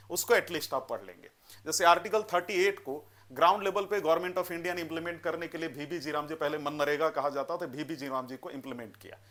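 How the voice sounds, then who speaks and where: With a fairly high, fairly bright voice, a man lectures for exam preparation, guiding students step by step and giving instructions. His Hindi mixes in English terms, and he keeps tossing in tag questions such as "है ना" and "you know."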